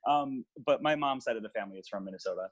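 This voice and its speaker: A young small business owner from Hawaii, appearing as a guest and venue owner, talks rapid-fire in a mid-range voice during a casual interview. He's relaxed, uses lots of ums, and laughs easily.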